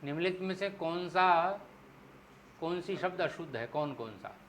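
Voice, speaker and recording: A man teaching Hindi spelling in an exam-prep lecture, explaining step by step and slowing down to spell out syllables. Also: a little high, fairly bright tone, slight background noise. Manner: explains step by step, asks the class "clear?".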